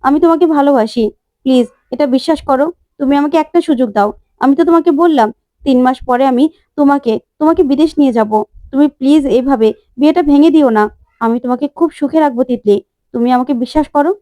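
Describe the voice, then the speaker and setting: A woman's voice: high voice, fast talker, mellow, dry recording, lightly acted. A woman doing a pleading young groom. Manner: pleading, earnest.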